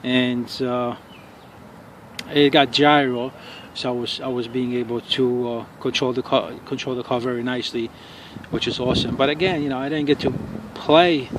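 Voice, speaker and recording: A man reviewing his remote-control truck outdoors on a city street, ranting angrily with lots of swearing and stumbling restarts. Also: medium pitch. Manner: angry, profane ranting with halting restarts. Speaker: RC car hobbyist reviewer. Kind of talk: casual outdoor review vlog. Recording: noisy outdoor street recording.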